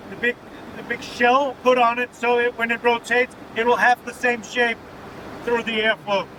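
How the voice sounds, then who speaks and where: A Danish military pilot with a very high-pitched voice and a Danish accent is interviewed inside an aircraft cockpit in flight. He explains technical matters informally and matter-of-factly, often tacking on "right?" Loud engine and air noise drone behind him.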